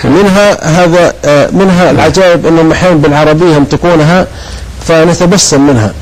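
Fast-talking man telling lively stories. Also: a little high, slight background noise, poor audio. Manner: animated storytelling, voices quoted people. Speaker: guest preacher. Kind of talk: anecdotal storytelling on a TV talk show.

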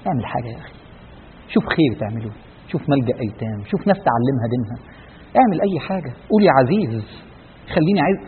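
A man with an Egyptian accent preaching a sermon, rousing, firing rhetorical questions and dropping from loud to hushed. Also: mid-range voice, big pitch swings, very fast, long reverb tail, phone-quality sound, a little hiss or hum. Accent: Egyptian Arabic.

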